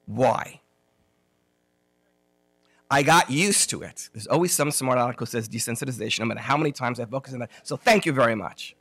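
A man lecturing at a conference, spinning an animated story and playing out both sides of the conversation. His medium-pitched voice has a gravelly edge. The sound is dry and close, with almost no room echo. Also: a little fast, long pauses. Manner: animated storyteller, acts out dialogue, self-deprecating humor. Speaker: conference speaker on OCD therapy.

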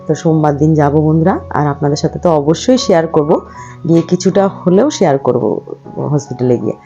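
Hoarse, feverish woman vlogger, dark voice. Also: low voice, quick pace, lo-fi sound, soft background music. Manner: chatty, addresses viewers as friends, coos at pets. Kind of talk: casual home vlog and story telling.

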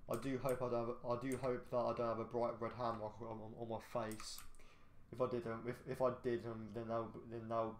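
A man's voice: mid-range voice, level tone, brisk. Tired, rambling man narrating a driving game. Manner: rambling, hesitant, with many restarts and filler. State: tired, yawning. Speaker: gaming YouTuber. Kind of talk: casual gameplay commentary. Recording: echoey room with faint background noise.

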